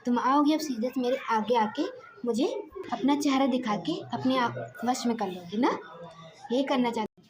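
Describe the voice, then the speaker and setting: A woman voicing an impatient young man in love who pleads and sulks, speaking softly and at times half-whispering. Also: a little high, moderate pace, crowd noise, close to an everyday voice. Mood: pleading.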